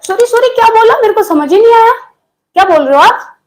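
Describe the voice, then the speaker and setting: A woman's voice: very high voice, animated, fairly quick, rough recording. A woman teaching a live online exam-prep class, who repeats key phrases and keeps quizzing her students with questions.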